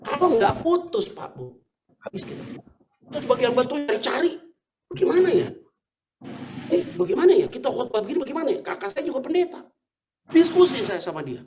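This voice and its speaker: A man's voice: very high-pitched, big pitch swings, fast, noisy background. A middle-aged man preaching a sermon as pastor, telling stories in a casual, slangy way and laughing often.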